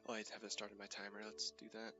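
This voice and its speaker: Over music, a young man hosting a gaming channel talks casually through a space game, sounding sniffly and stuffy with a cold, and rambles hesitantly with plenty of fillers. His voice is on the low side, his delivery completely flat, and his pace quick. The highs are cut off.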